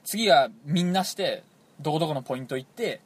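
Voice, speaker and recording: A man from Toyama with a Toyama dialect, telling a rambling, animated story as a radio show co-host in casual chat. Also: on the high side, fairly quick, slightly rough. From Toyama, Japan. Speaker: podcast co-host.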